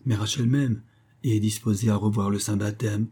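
A man reading aloud and voicing a young male nobleman, earnest and measured, a little above his own low, husky voice. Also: fairly even intonation, warm tone. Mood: calm.

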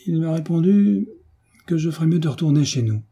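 A man voicing a tearful young peasant girl who begs for mercy, in a dark, husky tone. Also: fairly high pitch, expressive, a little fast, pitched above the performer's own voice. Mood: tearful pleading. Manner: begging, sobbing pleas.

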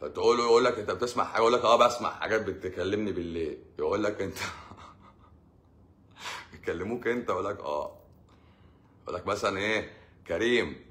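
Sarcastic egyptian man, deep bright voice. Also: fast talker, pauses often. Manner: sarcastic, joking, acts out patients' lines. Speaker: doctor hosting a live stream answering comments. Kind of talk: casual live Q&A.

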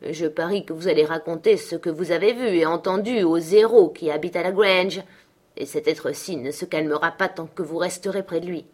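A woman reading aloud, voicing a sarcastic, scornful middle-aged father who speaks loudly and mockingly. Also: lowish voice, brisk, natural voice. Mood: harsh. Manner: mocking, loud and forceful.

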